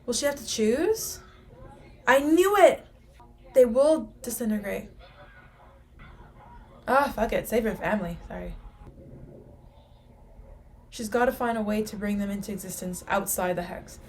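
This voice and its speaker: A woman's voice: mid-range voice, normal speed, long pauses, slight background noise. A woman hosting a casual reaction video, speculating aloud to her viewers and gasping and exclaiming at the screen. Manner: excitable, gasps and exclaims at the screen.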